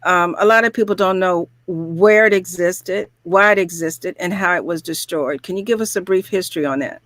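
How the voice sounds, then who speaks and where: A woman's voice: on the low side, normal speed, fairly bright tone, dry recording. A woman hosting a radio talk show, speaking in a fervent, preaching way and leading the conversation with questions. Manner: fervent, preaching tone with spiritual framing.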